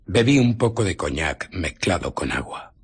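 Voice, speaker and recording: Griffin, a husky, arrogant invisible man. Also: deep voice, lively intonation, full character voice. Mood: brooding, recounting. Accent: Spain. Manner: theatrical, deliberate storytelling. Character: Griffin, arrogant invisible scientist, amoral and self-justifying. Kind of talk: radio drama acting.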